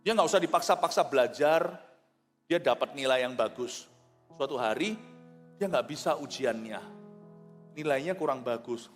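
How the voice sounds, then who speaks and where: A man preaching a lively sermon as pastor, animated and jokey, often asking the congregation questions. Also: mid-range voice, normal speed, pauses often. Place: large church hall. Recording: long hall reverb, faint music.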